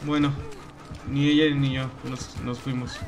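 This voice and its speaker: A man streaming a game, casually teasing his teammates and bursting into excited yells. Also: mid-range voice, measured pace, faint music behind. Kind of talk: casual live-stream commentary.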